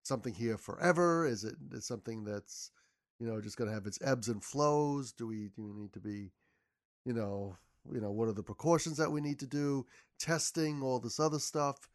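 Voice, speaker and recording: A man's voice: medium pitch, moderate pace. A man as a podcast guest, talking casually and rambling with lots of restarts. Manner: rambling, many repeated starts. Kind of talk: casual conversation.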